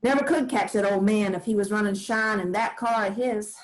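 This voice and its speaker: A woman plays a folksy old grandmother fondly telling family stories in a drawling, homespun way during a staged play reading. Her medium-pitched voice is close to everyday speech, brisk and fairly even, on a rough recording.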